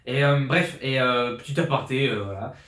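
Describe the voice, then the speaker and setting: A man's voice: mid-range voice, moderate pace, fairly bright tone, echoey room. A man, a fitness coach talking through his year in an informal vlog, rambling with many restarts and fillers, fired up. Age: 20s. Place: his flat in an apartment building. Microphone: borrowed pro journalist mic.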